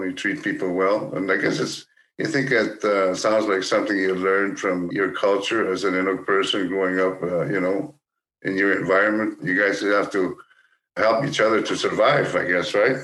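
Deep-voiced man interviewer in echoey room. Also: steady tone, normal speed, fairly bright tone. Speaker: podcast interviewer. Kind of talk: conversational interview questions. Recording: roomy, echoing sound.

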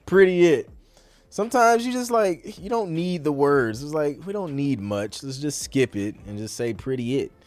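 Animated and a little high-pitched, with a darkish tone, a man who produces music and hosts a podcast fields questions in a relaxed livestream Q&A about production. He keeps it informal, slangy and conversational at a moderate pace.

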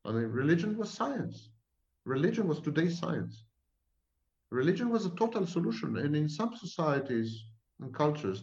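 An Israeli man, a guest psychology professor, speaks at medium pitch with a darkish tone, lecturing at length with emphasis, repetition and broad pronouncements. The audio sounds reverberant and dull.

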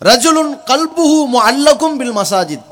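Man preaching like a thundering orator, really high pitched, slow deliberate pace, forceful short phrases. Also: lively intonation. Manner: forceful, declamatory, rhetorical build-up in short phrases.

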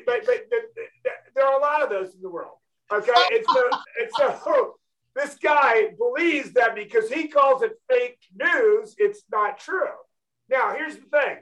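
A man's voice: extremely high pitch, a little slow, a bit bright, dull audio. A man hosting a financial talk show, blunt and emphatic, often checking in with "okay?". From California. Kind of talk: casual talk show chat.

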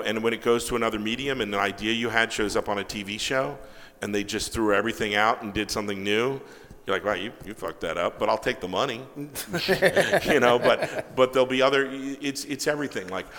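A man, a comic book writer, telling casual anecdotes in an interview, animated, acting out quoted dialogue and swearing freely. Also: mid-range voice, moderate pace, long reverb tail.

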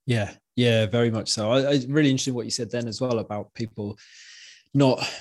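A man's voice: mid-range voice, steady tone, a little fast, darkish tone. Chatty man hosting a conversational podcast. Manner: chatty, informal, affirming, uses tag questions. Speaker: interview podcast host. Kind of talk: casual conversational interviewing.

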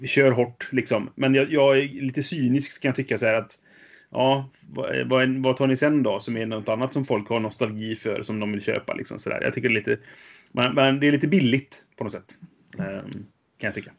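A man co-hosting a casual board game news chat. He speaks in a measured, hesitant way, with a mildly cynical edge. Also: mid-range voice, fairly even intonation, gravelly, dull audio. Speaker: podcast co-host.

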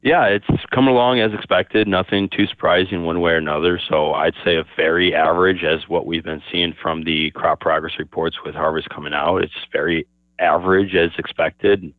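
A man speaking over the phone as a market analyst guest, giving steady, explanatory commentary and opening his answers with "yeah, so". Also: low-pitched, normal speed, dry recording. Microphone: telephone. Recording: tinny phone line, dry.

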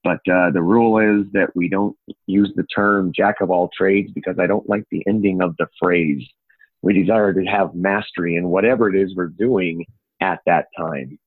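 A man's voice: low-pitched, fairly even intonation, moderate pace, husky. A middle-aged man with an Upper Peninsula Michigan accent, talking as an interview guest in a folksy, wordy, playful way over a phone-like connection. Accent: Upper Peninsula Michigan (Yooper). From Upper Michigan, United States. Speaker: interview guest, home inspection business owner. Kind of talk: conversational interview. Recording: echoey, narrow phone-like call audio.

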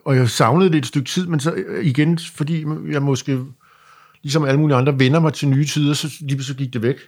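A man's voice: fairly high pitch, fairly even intonation, a little mellow. A man in casual podcast conversation, circling hesitantly around his phrasing.

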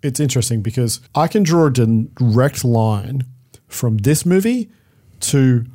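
A man's voice: medium pitch, animated, measured pace, mellow. A man co-hosting a podcast, recapping a film in casual chat with dry jokes and frequent chuckles. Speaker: podcast co-host. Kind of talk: casual movie-review chat.

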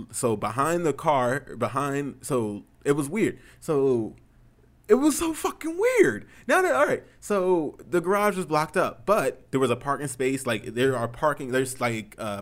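A young man, a streamer, telling a story in casual chat, rambling and swearing, growing heated as he retells it. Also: mid-range voice.

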